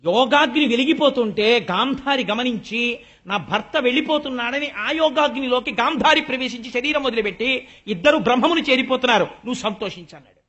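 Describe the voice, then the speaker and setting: An older man with a very high voice gives a Telugu religious discourse at a fairly quick pace. He tells stories with animation, acting out the voices of the people in them. The recording is dull and lo-fi.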